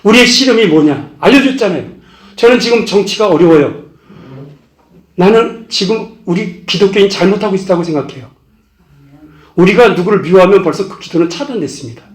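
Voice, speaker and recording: A man's voice: animated, brisk, reverberant. A middle-aged male pastor giving a passionate testimony sermon, his voice leaping up on key phrases. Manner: impassioned preaching, pitch swings up on key phrases.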